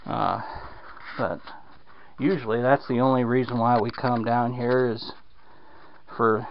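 Slow, gravelly man filming a basement. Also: mid-range voice, steady tone, a little hiss or hum. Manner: rambling, drawling, lots of fillers. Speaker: home repair vlogger. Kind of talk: casual handheld walkthrough. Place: damp basement indoors. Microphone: handheld camera. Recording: dull lo-fi camera audio.

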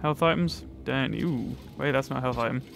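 A man's voice: mid-range voice, moderate pace, vocal fry, background noise. Sweary man commentating a video game. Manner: sweary, self-mocking, talks to game characters. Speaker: gamer. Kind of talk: let's play commentary.

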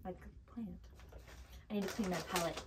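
A woman's voice: medium pitch, fairly quick, noisy background. A woman co-hosting a casual taste-test video, dramatic and squeamish, laughing often. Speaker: co-host.

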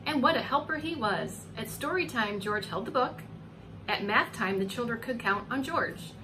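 A woman reads a picture book to small children in a high, very lively voice that swings up and down. She stretches key words and breaks off to ask coaxing questions like a preschool teacher. The home recording has clear background noise. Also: moderate pace. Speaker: pre-kindergarten teacher reading a storybook aloud. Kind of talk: animated children's story read-aloud with asides to young listeners.

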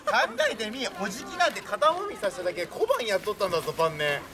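Young man playing a lively high-pitched old samurai lord. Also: fast, heavily acted. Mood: emphatic, jovial. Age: young adult. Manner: archaic old-man samurai speech, emphatic, jovial. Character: boastful, worldly-wise old samurai lord dispensing life advice. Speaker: costumed historical performer. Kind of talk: in-character talk show for castle visitors. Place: outdoor castle grounds beside a stone wall. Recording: noisy outdoor recording from a distant camera.

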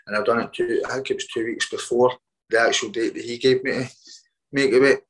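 A man, a boxer, telling his story in a casual interview, halting and repeating words as he quotes what others said. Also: mid-range voice, steady tone, low-quality recording.

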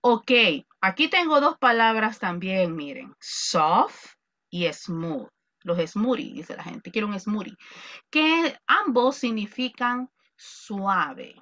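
A woman with a Salvadoran accent teaching an online English class, lively and joking as she quizzes her students. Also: fairly high pitch, muffled recording. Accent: Salvadoran Spanish.

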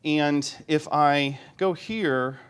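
A man giving a live conference talk, demoing software on stage, joking with the audience and talking himself through each step. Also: on the high side, drawn-out words, clear, resonant tone. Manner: joking, self-deprecating, thinks aloud while demoing. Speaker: conference speaker. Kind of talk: live tech talk demo.

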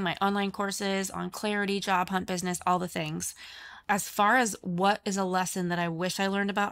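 A woman's voice: medium pitch, a bit bright, smooth. A woman guest on an interview podcast, speaking about her coaching work in a chatty, conversational way with frequent fillers.

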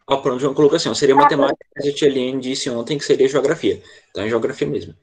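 A man's voice: mid-range voice, fast talker, breathy edge. A man teaching an online English lesson to children, patient and constantly checking in with short questions. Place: online class over a video call.

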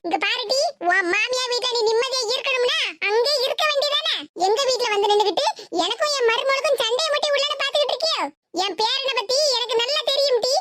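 A woman's voice: very high-pitched, heavy background noise. A woman doing a firm cartoon grandmother. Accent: Tirunelveli Tamil. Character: older mother and grandmother, firm, protective of her household. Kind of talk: animated cartoon comedy voice.

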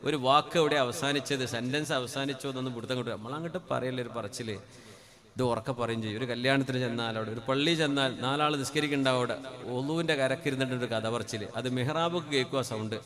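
A man from Kerala preaching a sermon into a microphone, dropping to soft conversational asides and rising to loud, drawn-out chanted Arabic phrases. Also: medium pitch. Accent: Kerala Malayalam. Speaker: Islamic preacher. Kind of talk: Malayalam sermon.

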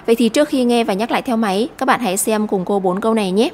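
A woman's voice: fairly high pitch, very fast, a little mellow, long reverb tail. A Vietnamese woman teaching an English lesson to children, explaining patiently and step by step.

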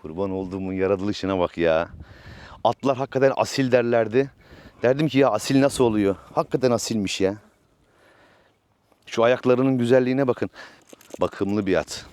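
A man's voice: mid-range voice, normal speed, pauses often, darkish tone, smooth, dry recording. A man vlogging outdoors from his village farm, chatting casually about his new horse and coaxing it along. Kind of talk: casual vlog narration.

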